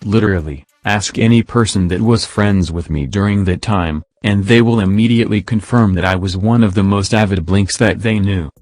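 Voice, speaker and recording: A male text-to-speech robot voice reading scripted opinion commentary in a flat, even machine cadence. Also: lowish voice, moderate pace, few pauses, no room sound, soft background music. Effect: synthetic robot text-to-speech voice.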